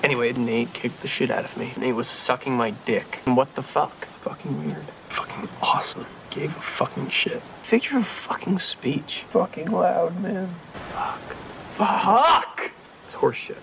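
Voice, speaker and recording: A man's voice: fairly high pitch, very animated, a little slow, vocal fry, heavily acted. Foul-mouthed angry teenage boy on a swearing tirade. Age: young adult. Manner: cursing constantly, brash and combative. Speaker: therapy patient. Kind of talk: TV drama acting, swearing tirade. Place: book-lined therapy office set. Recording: noisy compilation of TV clips.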